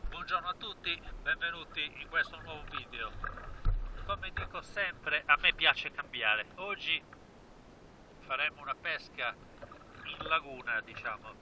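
A man's voice: fairly high pitch, unhurried, background noise. A man in his fifties, a spearfishing vlogger, talking enthusiastically to an action camera outdoors by the sea. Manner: enthusiastic, repeats phrases. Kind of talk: casual vlog narration to camera. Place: outdoors by the sea, then in the water.

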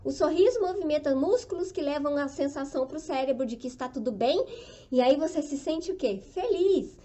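High-voiced, upbeat Brazilian woman. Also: animated, brisk, mellow. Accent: Brazilian Portuguese. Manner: enthusiastic, upbeat, keeps checking in with the audience; arranging flowers while talking. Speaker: flower-arranging instructor hosting a live stream. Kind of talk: motivational live-stream talk.

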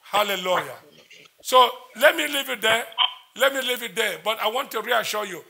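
High, bright-voiced preacher prophesying. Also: male voice, lively intonation, normal speed, gravelly. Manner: intense, repetitive, declaring prayers. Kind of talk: prophetic church ministry.

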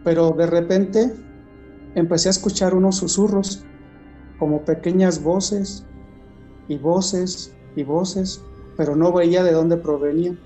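Man recounting a vision, mellow. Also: high-pitched, fairly even intonation, soft background music. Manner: halting storytelling with many restarts. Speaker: guest giving testimony. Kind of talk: personal testimony in conversation.

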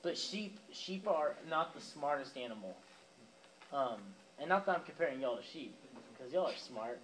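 In a church youth room with a live audience, a young youth pastor delivers a casual, chatty sermon aimed straight at the teens, full of fillers and asides. The recording is rough, and his voice is slightly high and a little bright.

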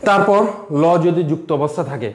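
High-voiced Bangladeshi man teaching in an echoey room. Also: lively intonation, brisk. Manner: explains step by step, repeats example words. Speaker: college lecturer. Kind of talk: recorded lesson.

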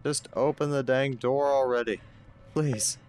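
A man's voice: mid-range voice, steady tone, unhurried, a little mellow, a little hiss or hum. A man giving joking, chatty let's play commentary, reacting aloud as he plays. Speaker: gaming host.

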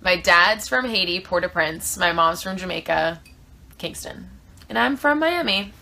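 Bright-voiced young woman chatting casually. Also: fairly low pitch, animated, measured pace, vocal fry, slight background noise. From South Florida. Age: 20s. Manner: chatty, thinks aloud with fillers. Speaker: actor answering fan questions. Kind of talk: casual live-stream chat. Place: small trailer room indoors. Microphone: phone at arm's length.

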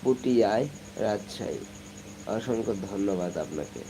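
A young man from Bangladesh chats softly with his live-stream viewers, his voice low and a little subdued from a cold. He reads comments aloud in a casual, friendly patter on a phone with no external mic. Crickets and insects buzz clearly behind him in the night air. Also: expressive, unhurried, noisy background. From Sirajganj, Bangladesh. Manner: chatty, reads comments aloud, hums song snatches. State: has a cold, speaking softly. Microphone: phone, no external microphone.

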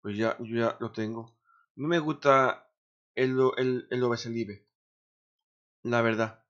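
Grumbling streamer, lo-fi sound. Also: male voice, medium pitch, fairly even intonation, slow, a bit bright. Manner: grumbling, swears often, talks to himself. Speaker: gaming streamer. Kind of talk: casual streaming chatter. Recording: dull lo-fi sound.

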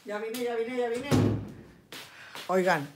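A woman's voice: a little high, slow, very noisy. A chatty, affectionate woman, reading viewer comments in a casual live vlog. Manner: chatty and affectionate, lots of diminutives and endearments.

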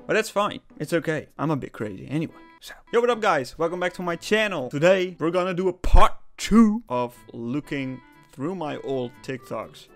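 A young man casually chatting as a YouTuber, rambling and self-mocking, swearing now and then. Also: medium pitch. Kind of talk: casual vlog commentary.

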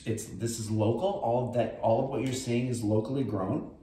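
A man's voice: medium pitch, normal speed, warm tone. An older man, chatting casually as he cooks and talks through each step in his home kitchen. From New York. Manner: chatty, rambling, health-focused asides. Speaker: host. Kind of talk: casual cooking demonstration. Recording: echoey kitchen with noise.

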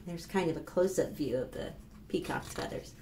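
Reading to preschoolers, a fifties-aged American woman who works as a children's librarian and storytime host speaks in a low-sitting voice at normal speed. She's expressive and teacherly, mixing read-alouds and rhymes with questions for the children. Roomy echo and clear background noise come from the small plain indoor space.

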